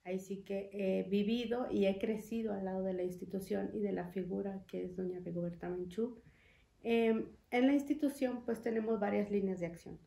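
A young woman from Chiapas, Mexico, representing a foundation, is a guest in a conversational interview. At a desk mic on a stand in an echoey studio of wood panels and glass, she speaks earnestly and measuredly with frequent fillers, her medium-pitched voice gravelly and mellow with fairly even intonation.

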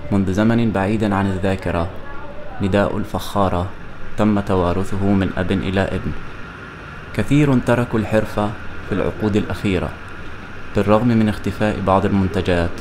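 A man reading a scripted documentary narration in formal standard Arabic, measured and even. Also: low voice, background noise.

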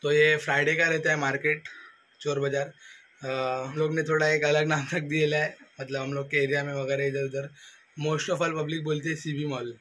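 A young man chatting casually to his phone camera as a vlogger, in a relaxed, chatty way. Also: fairly high pitch, moderate pace, a little hiss or hum. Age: young adult. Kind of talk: casual vlog talk. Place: night street market outdoors, then indoors at home. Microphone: phone camera at arm's length.

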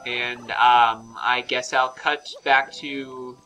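A man's voice: mid-range voice, flat delivery, very slow, bright, forceful tone, faint music behind, low-quality recording. A man giving casual, rambling game commentary, with fillers and self-corrections. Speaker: let's play commentator.

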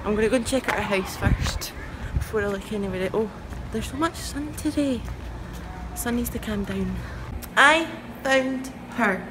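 A young adult woman vlogger with a mid-range voice chats casually to her viewers at normal speed, rambling and asking herself questions along the way. She is in echoing indoor rooms, and the recording has an echoey sound with loud background noise.

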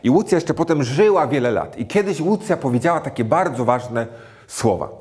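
A man's voice: medium pitch, animated, normal speed, darkish tone. A man in his thirties giving a children's sermon with storytelling, speaking simply and expressively to small children. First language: Polish. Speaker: children's religious retreat host. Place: small indoor room. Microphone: lapel mic.

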